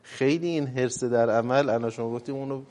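A man's voice: mid-range voice, dark tone. A man hosting a talk show, adding short remarks and agreeing with the guest. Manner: brief affirming interjections and follow-up remarks.

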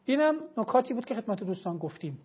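A man's voice: high-pitched, very animated, breathy edge, highs cut off. A man as a religious scholar guest giving an emphatic, argumentative televised lecture and citing his sources.

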